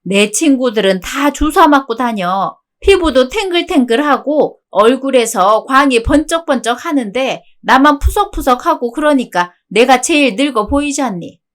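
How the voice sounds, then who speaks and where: A woman's voice: sits high, expressive, normal speed, few pauses. A woman voicing a bossy, scornful older mother-in-law who nags and scolds in a radio drama. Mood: demanding. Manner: nagging, scolding. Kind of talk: Korean radio drama dialogue.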